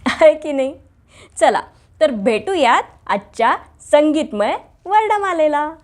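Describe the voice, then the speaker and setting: A woman hosting a children's alphabet lesson, talking in a lively way and drilling letters with clapping. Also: high-pitched, slow. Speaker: teacher and host of a home-learning show.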